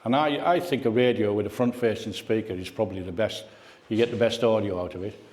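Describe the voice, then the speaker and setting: Fairly quick and fairly low, this man's voice has a darkish tone. He gives a relaxed, nostalgic guest talk at a club meeting, asking his listeners questions, recorded in an echoing indoor meeting room.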